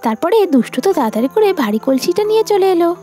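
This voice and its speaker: A woman narrating a children's doll story in a brisk, simple way. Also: high voice, big pitch swings, dark tone, faint music behind.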